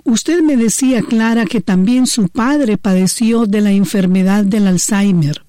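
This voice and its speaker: A woman hosting a radio interview, asking calm, measured questions. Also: mid-range voice, dry recording. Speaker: radio host.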